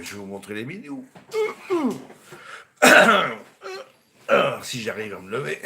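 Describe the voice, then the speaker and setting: A rambling, chatty man hosts a home cooking live stream from his kitchen, with a lively, bouncing voice. He talks to a camera on a hanging mount while a faint hiss sits underneath. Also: mid-range voice. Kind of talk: casual live-stream chat.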